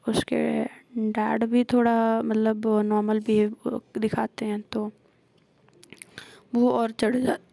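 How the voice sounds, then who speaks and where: Woman storyteller, gravelly dark voice, flat even delivery, dry close mic. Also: fairly high pitch, dry recording. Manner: retells scenes with quoted dialogue, frequent hesitations. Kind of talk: casual spoken story retelling.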